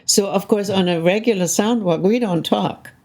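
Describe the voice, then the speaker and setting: A Canadian soundscape composer, an older woman, reflects on her work in a conversational interview, often asking "right?" as she speaks with care. She has a medium-pitched, darkish voice and a moderate pace.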